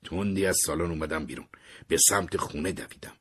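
Young man, very low voice, breathy and husky, measured story narration. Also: fairly bright tone. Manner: measured, dropping to unvoiced whispers in tense moments.

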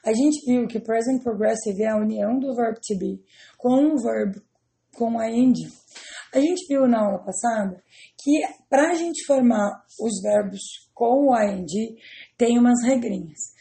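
Brazilian woman teacher, patient and methodical, a fairly high voice with a gravelly edge. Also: unhurried, dark tone. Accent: Brazilian Portuguese. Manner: patient, step-by-step explaining with checking tags. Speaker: English teacher. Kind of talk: explaining grammar to students.

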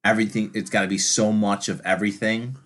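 A man's voice: on the low side, flat delivery, fast, a bit bright. A man in casual podcast banter, blunt and full of needling questions, recorded through a laptop's built-in microphone. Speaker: podcast co-host. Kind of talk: casual unscripted podcast chat. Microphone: built-in laptop microphone, no studio gear.

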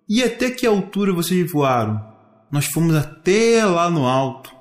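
A gentle fatherly divine being asks calm questions in a storybook reading, as a man voices him. The voice sits fairly high for a man. The room gives it a clear echo. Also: unhurried. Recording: echoey room.

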